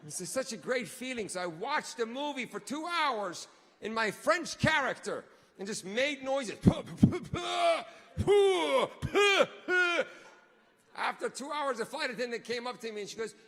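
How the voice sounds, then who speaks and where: A man hosting a live event, telling a comic story in an animated way and acting out voices and noises. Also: very high voice, moderate pace, in a large hall. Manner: animated, acts out voices and sounds. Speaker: event host.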